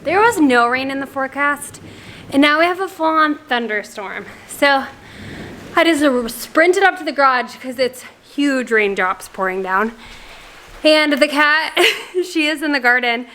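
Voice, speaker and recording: High-voiced chatty woman vlogger. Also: expressive, unhurried, pushed and bright, slight background noise. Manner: chatty, rambling, sighs. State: out of breath. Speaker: gardening vlogger. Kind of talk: casual vlog talk to camera. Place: garage, storm outside.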